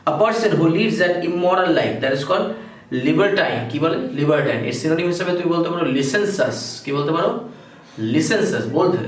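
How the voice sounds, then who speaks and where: In an exam-prep vocabulary lesson, a man with a Bengali accent reads English definitions slowly, then explains briskly and keeps quizzing his students. His voice is a little high and off-mic in an echoey room, with a faint hiss.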